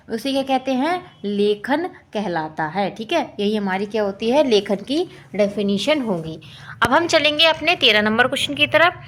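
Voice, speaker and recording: A woman's voice: a little high, fairly bright tone. A woman teacher with an Indian accent going through exam questions and answers, echoing each answer back as a quiz question. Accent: Hindi-belt Indian. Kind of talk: exam-prep lesson.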